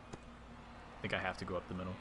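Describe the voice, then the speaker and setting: A man gives casual commentary on his own baseball video game during a live stream, reading and answering his viewers' chat while he plays. His deep voice is completely flat and fairly quick, with heavy background noise.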